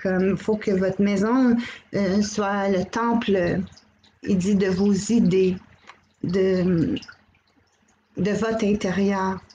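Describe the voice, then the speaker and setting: A middle-aged woman with a Québécois accent, hosting a live channeling stream, gently relaying messages and greeting viewers by name. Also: medium pitch, steady tone, slow pace, pauses often, highs cut off, a little hiss or hum. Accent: Québécois French. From Quebec.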